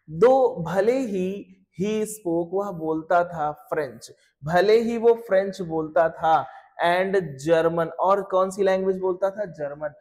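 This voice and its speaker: Slow-reading, fairly high Indian male teacher. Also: a little mellow. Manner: reads English phrases slowly, then explains them, asking and answering his own questions. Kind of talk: explaining an English lesson line by line.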